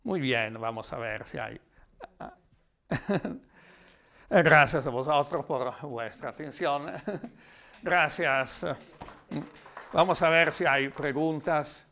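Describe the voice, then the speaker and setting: Speaking outside his native language, a lecturer from Italy offers a thoughtful explanation, his Italian accent clear throughout. Now and then he falters, hunting for the right word. The voice runs on the high side and sounds pushed and bright.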